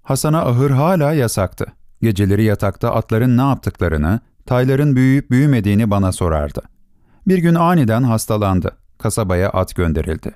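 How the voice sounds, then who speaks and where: This is scripted audiobook narration by a man with a lowish voice, told in a measured, expressive way. The sound is dry and studio-clean.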